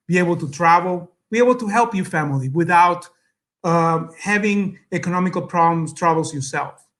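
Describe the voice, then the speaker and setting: This guest speaker, a middle-aged Salvadoran man whose first language is Spanish, speaks earnestly at an event with his native accent. His high, slightly bright voice is broken by frequent pauses and fillers.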